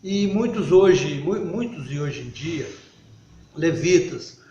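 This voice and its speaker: A man preaching an informal video sermon in a fairly high voice, stumbling and restarting as he goes. He climbs into loud, emphatic bursts. The sound is muffled and rings with room echo. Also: animated. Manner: halting, frequent restarts. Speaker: lay preacher. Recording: echoey, muffled recording.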